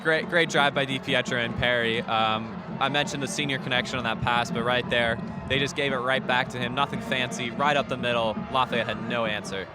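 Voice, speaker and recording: Male color analyst, mid-pitched and quick, casual football commentary over clear stadium noise. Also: fairly even intonation. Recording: noisy outdoor stadium broadcast.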